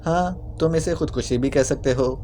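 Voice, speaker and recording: A man's voice: fairly high pitch, dark tone, slight background noise, natural voice. A man voicing a playful young male spy who talks in a mock-pitiful, whining way. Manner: whiny, mock-pitiful clowning.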